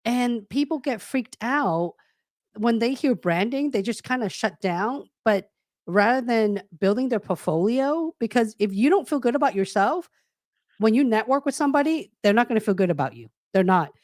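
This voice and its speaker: A woman career coach speaking casually and frankly on a video call, animated and calling out her listeners. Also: fairly high pitch, moderate pace, no echo, clean studio sound. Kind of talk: casual webinar talk.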